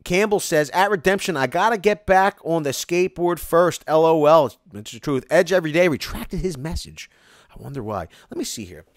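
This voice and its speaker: A man's voice: a little high, normal speed, dry recording, clean studio sound. A man, chatting casually and rambling as he reads viewer comments on a live stream. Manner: excitable, rambling, many restarts and "like". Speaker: host reading live chat. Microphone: close mic, home live stream.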